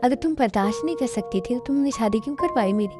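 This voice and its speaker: A woman's voice: on the high side, lively intonation, quick pace, music in the background, natural voice. A woman voicing a young husband caught between two wives in a fan dub drama, talking bluntly. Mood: defensive. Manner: blunt, cold toward first wife.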